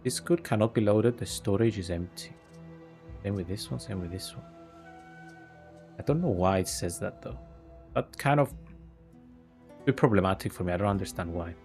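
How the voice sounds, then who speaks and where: A gaming video host, a man whose first language is Greek, offers casual gameplay commentary in a low voice. He thinks aloud in a relaxed, unhurried way while faint music plays behind him.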